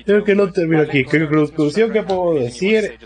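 A man streaming his live reaction, exclaiming and shouting in short bursts, out of breath. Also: a little high, moderate pace. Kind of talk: excited live reaction commentary.

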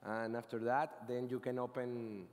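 A man's voice: medium pitch, level tone, measured pace, a little mellow, slight background noise. A man in his thirties from Venezuela with a Venezuelan Spanish accent, giving a casual, rambling conference talk on stage, often correcting himself and adding "right?". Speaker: conference speaker. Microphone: headset. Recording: long hall reverb.

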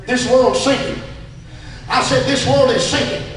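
A man with a Southern US accent preaching a sermon, swinging between loud shouts and hushed asides. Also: very high voice, fairly even intonation, measured pace. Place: church sanctuary. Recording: very echoey church from far off.

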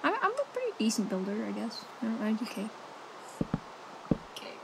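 Chatty excitable woman, fairly high voice. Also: a little fast, vocal fry. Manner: chatty, excitable, yelps and gasps at game events. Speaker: gaming channel host. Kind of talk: casual game commentary. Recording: noisy home recording with mouse clicks.

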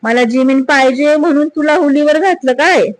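A woman's voice: high voice, normal speed, voice pushed up, lightly acted, poor audio. A woman voicing a sly village man who feigns reluctance in rustic dialect. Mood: evasive.

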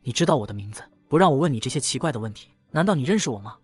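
A man's voice: mid-range voice, lively intonation, racing, husky, faint music behind. A man voicing a composed young husband in a comic recap, speaking in a cool, matter-of-fact way. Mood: calm.

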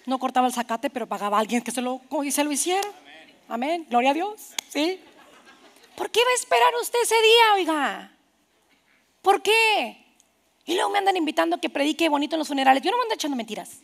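A woman pastor, preaching animatedly, quoting people in asides and dropping to a soft whisper for emphasis. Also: high-pitched, gravelly. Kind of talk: sermon.

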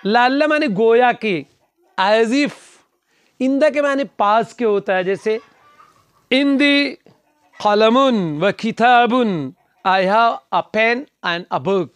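Middle-aged male tutor; unhurried, repeats each word patiently for students, dry room. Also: very high-pitched, a bit bright, clean tone, no room sound. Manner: patient, repeats words slowly for learners, fatherly. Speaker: language teacher. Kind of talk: vocabulary lesson.

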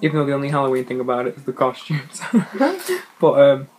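A young man chatting casually through mouthfuls of food in an eating video. His pitch sits in an ordinary middle range, and he swears lightly between bites. Faint party noise murmurs behind him. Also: huge pitch swings, a little fast, darkish tone, rough recording. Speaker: vlogger. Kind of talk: casual mukbang chat.

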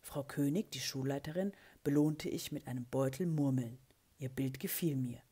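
A woman reading a children's story aloud, with a breathy voice and an expressive way of giving the characters their lines. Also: rumbling low, normal speed. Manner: expressive, lively character voicing in quotes. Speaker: children's book reader.

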